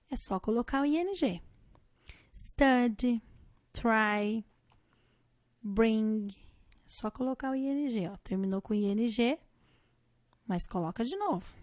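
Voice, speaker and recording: A woman's voice: a little high, a little mellow, dry recording. A woman teacher with a Brazilian Portuguese accent, patiently explaining an English grammar lesson and spelling letters out one by one.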